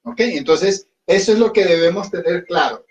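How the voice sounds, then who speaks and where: A Hindi teacher with a high voice works at a whiteboard, speaking at a moderate pace. He patiently repeats himself and keeps checking that his students are following. The recording is dull and lo-fi.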